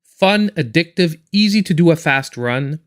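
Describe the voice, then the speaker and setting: A man's voice: fairly high pitch, lively intonation, measured pace. A man in his forties chatting casually and in a reserved way while he live-streams a game as host. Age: 40s.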